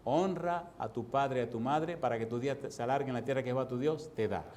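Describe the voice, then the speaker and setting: A man with a Dominican accent preaching a sermon as a pastor, telling personal stories, bursting out loudly and then slowing down, laughing often as he speaks. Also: medium pitch. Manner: storytelling preacher, sudden loud outbursts and drawn-out slow phrases.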